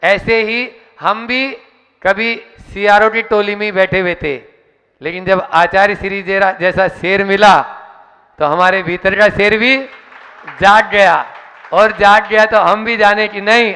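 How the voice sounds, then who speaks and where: Brief: man, high bright voice, rousing sermon, long hall reverb. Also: fairly even intonation, a little slow, clean tone. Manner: rousing, declamatory, recites verse. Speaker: monk introducing the main speaker. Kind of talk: devotional sermon. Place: large hall, preaching from a stage.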